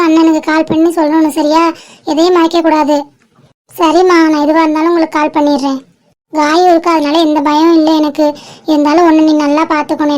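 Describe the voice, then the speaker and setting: A woman's voice: high voice, darkish tone. A young woman voicing family members in a tender, emotional amateur audio drama. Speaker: creator voicing family characters.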